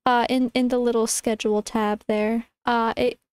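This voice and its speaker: High-pitched, cutesy young woman streamer. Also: little pitch movement, normal speed, a little mellow, clear, resonant tone, no echo. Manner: cutesy, informal, affectionate wording. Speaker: livestreamer, VTuber. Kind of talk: casual livestream chat to viewers.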